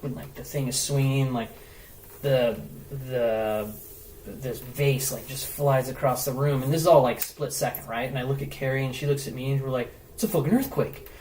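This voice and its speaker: A man's voice: medium pitch, moderate pace, distant mic. A man, a podcast guest, telling a story in casual, loose chat, full of "like" and swearing. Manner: animated, loose, lots of "like" and swearing. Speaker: podcast guest, travel blogger. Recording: roomy echo, off-mic, faint hiss.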